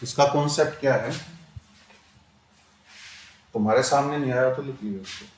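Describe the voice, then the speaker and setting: A man teaching a grammar lesson to a classroom of students, questioning them and slowing down to drill examples. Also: mid-range voice, heavy background noise. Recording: echoey classroom.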